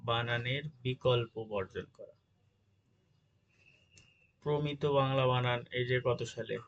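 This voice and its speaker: A man's voice: mid-range voice, a bit bright, rough recording. A man teaching an exam-prep grammar lesson, reading out word lists and often checking in with his listeners. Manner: reads word lists, checks in with "ঠিক আছে?".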